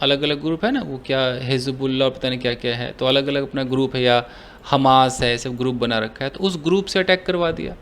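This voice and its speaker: A man's voice: mid-range voice, fairly bright tone, slight background noise. A man from India teaching English grammar in Hindi, explaining step by step, asking and answering his own questions. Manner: slows down to read English phrases aloud.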